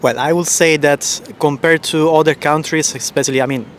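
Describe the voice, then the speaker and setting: Male researcher, measured and hesitant, street interview, light traffic behind. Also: fairly high pitch, steady tone. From Sicily, Italy. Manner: thoughtful, hesitant with restarts. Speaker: postdoctoral researcher. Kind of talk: casual street interview answers. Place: city street outdoors.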